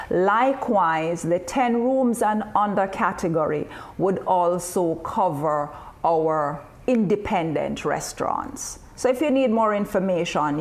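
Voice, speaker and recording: A woman presenting a training webinar, explaining course costs in a measured, upbeat way. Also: on the low side, darkish tone. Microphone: video call.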